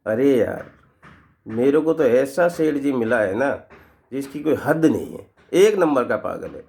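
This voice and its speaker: A lowly male servant in a spoken folk tale, grumbling and mocking his boss, as a man puts him on. The voice is gravelly and the delivery unhurried. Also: animated, darkish tone. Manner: gossipy, mocking.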